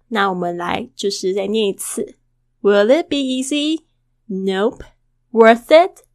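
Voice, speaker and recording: A woman hosting a casual podcast lesson, chatty and full of rhetorical questions, who slowly models English words and repeats them. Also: mid-range voice, fairly bright tone, no echo, clean studio sound. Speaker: English teacher and podcast host.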